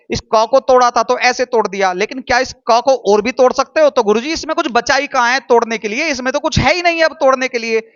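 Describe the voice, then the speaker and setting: एक पुरुष शिक्षक जो कक्षा में धैर्य से पढ़ाता है, बातें दोहराता है और अक्षरों को धीरे-धीरे अलग करके बोलता है।. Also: male voice, very high voice, fairly bright tone, dull audio. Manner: patient, repeats and spells out syllables slowly. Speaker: Hindi teacher. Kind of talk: classroom lesson.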